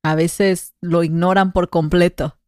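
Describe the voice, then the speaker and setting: Sex: woman. Pitch: low. Pace: very slow. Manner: patient explainer. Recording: dry. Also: flat delivery, darkish tone, dry recording. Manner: patient, slows down to spell out rules and examples. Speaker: co-host explaining Spanish grammar. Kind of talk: conversational language lesson podcast.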